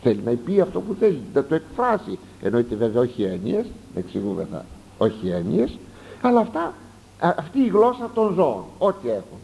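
A man preaching a sermon, reading passages aloud and explaining them with lively asides and sudden rises for emphasis. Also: sits high, gravelly, rough recording. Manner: animated, rising sharply for emphasis, explanatory asides. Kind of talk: sermon expounding a text.

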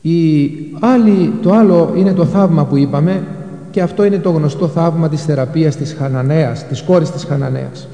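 Male preacher, mellow tone, sermon in a reverberant church. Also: fairly high pitch. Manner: retells Gospel passages, quoting scripture in old Greek and explaining it.

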